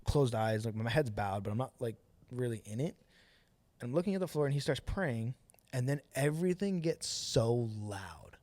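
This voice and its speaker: A man in casual podcast chat, recounting a personal story with lots of slang and animated retellings of what others said. His voice sits at an ordinary middle pitch, and the recording is close and dry with no room sound. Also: no room sound. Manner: slangy and animated, acts out quoted dialogue. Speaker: podcast host telling his testimony.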